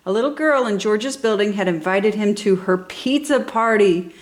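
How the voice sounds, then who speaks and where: Reading a children's storybook aloud for a toddler channel, a woman uses lively, exaggerated emphasis in her expressive scripted narration for young listeners. Her voice is mid-range and moves at a normal speed.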